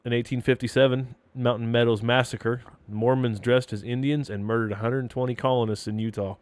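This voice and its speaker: A man's voice: medium pitch, fairly even intonation, brisk, no room sound. Crude joking man in his thirties. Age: 30s. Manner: crude, joking, laughs often. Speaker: podcast host. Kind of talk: casual podcast chat, reading history facts.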